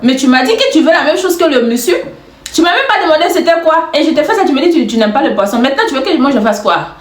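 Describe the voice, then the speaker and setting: A woman tells a comic story, chatty and animated as she acts out the dialogue. Her fairly high voice swings widely in pitch. The recording rings with room echo, and faint music plays behind her. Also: very fast. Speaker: storyteller, content creator. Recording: echoey room.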